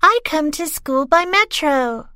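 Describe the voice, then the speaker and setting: A woman voicing a young schoolgirl in a textbook listening dialogue, speaking slowly and very clearly. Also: high-pitched, animated, sharp tone, no echo, clean studio sound, full character voice. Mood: cheerful. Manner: slow, deliberate, very clear. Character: young schoolgirl pupil introducing herself. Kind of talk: slow scripted textbook dialogue.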